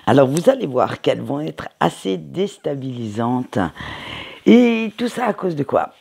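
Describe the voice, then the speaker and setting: A woman reading tarot cards for the week, talking in an unhurried, chatty way with many hesitations and little tag words. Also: sits low, sing-song, creaky, dark tone, slightly rough. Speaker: tarot card reader. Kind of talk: weekly tarot energy reading.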